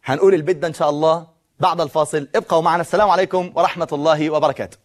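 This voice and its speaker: High-voiced Egyptian man teaching on TV. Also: steady tone. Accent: Egyptian Arabic. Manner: slow drawn-out recitation of verse, quizzing viewers. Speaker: Arabic teacher. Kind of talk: televised lesson. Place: studio with a blackboard.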